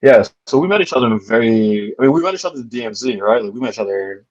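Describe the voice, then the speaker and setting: A young Canadian-born man co-hosting a podcast in a husky voice, recorded close and dry. He rambles playfully, circling back and restarting his sentences. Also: fairly low pitch, lively intonation, rapid-fire, darkish tone, no echo, muffled recording. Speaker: podcast co-host. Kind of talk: casual chat.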